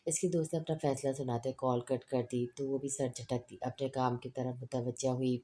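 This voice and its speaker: A woman narrating a romance novel in a steady, unhurried storybook reading. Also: extremely low pitch.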